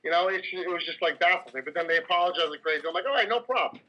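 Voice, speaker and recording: A man's voice: on the high side, steady tone, racing. A man telling a story at a casting interview, chatty and full of "you know" fillers. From Italian heritage. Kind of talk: casual storytelling. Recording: dull lo-fi recording.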